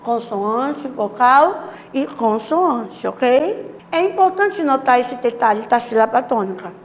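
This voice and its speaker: A woman's voice: fairly high pitch, lively intonation, slow. A woman English teacher giving a recorded class, explaining patiently, speaking affectionately to her students and checking in often with tag questions. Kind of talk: recorded online class lesson. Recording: echoey room with faint background noise.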